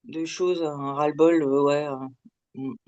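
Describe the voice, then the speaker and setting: Woman with a deep pitch-shifted voice, hesitant. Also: steady tone, measured pace, dark tone, highs cut off. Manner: hesitant, with frequent trailing filler words. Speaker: interviewee giving an anonymous testimonial. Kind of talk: candid, informal interview answers.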